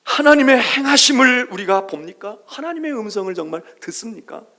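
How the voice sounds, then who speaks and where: A middle-aged male pastor preaching a sermon, swinging between loud calls and hushed whispers and acting out soothing quoted voices. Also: very high-pitched, animated, brisk. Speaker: senior pastor.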